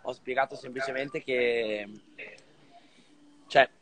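A man's voice: mid-range voice, fairly even intonation, takes it slowly, crowd noise. A young adult man, an Olympic swimmer, talking on a video call in a hesitant way, with lots of fillers and restarts. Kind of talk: casual video-call interview.

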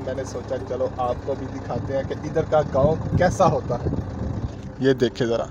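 A man's voice: mid-range voice, muffled recording, background noise. A young man, chatting casually as a vlogger while riding in a vehicle cab and recording on a handheld phone camera. He talks in a loose, repetitive way and keeps calling his viewers brother. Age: young adult. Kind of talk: casual travel vlog narration. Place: inside a vehicle cab on a drive. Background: background music.

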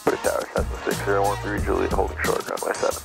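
A male pilot talks on air traffic control radio in clipped readbacks. He rattles the words out fast, with music clearly audible behind him. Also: low voice, completely flat delivery.

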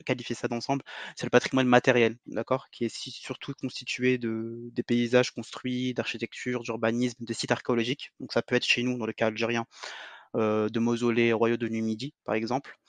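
Flat-voiced man explaining, halting. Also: mid-range voice, no echo. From Algeria. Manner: halting, self-correcting. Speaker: podcast guest, heritage advocate. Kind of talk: explanatory interview answers.

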